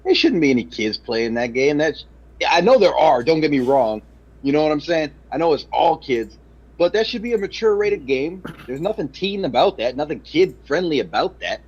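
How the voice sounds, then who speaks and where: A husky man venting on a gaming podcast, his voice a little dull and lo-fi. He stutters into his points, swears and keeps saying "you know". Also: a little high, big pitch swings, normal speed. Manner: fired up, swears, repeats himself, lots of "you know". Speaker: podcast co-host. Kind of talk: casual gaming podcast chat.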